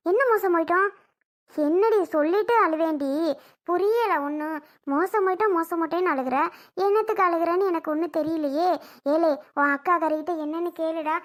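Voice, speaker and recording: A woman's voice: very high-pitched, fairly bright tone. A woman doing a nagging old mother-in-law. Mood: alarmed. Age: older. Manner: scolding, nagging. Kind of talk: family skit acting.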